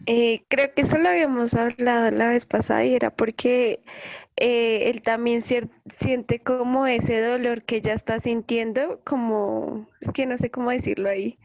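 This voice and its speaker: A woman's voice: on the high side, steady tone, moderate pace, no echo, lo-fi sound. A woman in a study group answering a question over a video call, hesitant and searching for her words.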